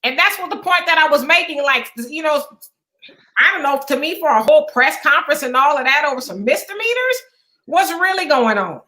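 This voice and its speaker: A woman's voice: sits high, expressive, brisk, sharp tone. A woman co-hosting a casual political talk show, chatty and meandering with lots of fillers. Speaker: co-host.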